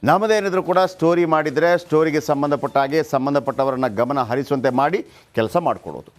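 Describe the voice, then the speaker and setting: A man's voice: a little high, a little fast. Emphatic male Kannada news anchor. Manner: emphatic, sarcastic, mimics officials. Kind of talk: animated studio news presentation.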